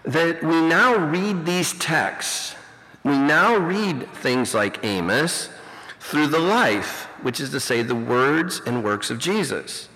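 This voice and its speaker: Here a middle-aged man preaches slowly and expressively in a pushed, bright voice that sits on the high side. He is a pastor and teacher giving a reflective, conversational sermon full of "you know." It comes through a distorted, fuzzy recording with hall reverberation.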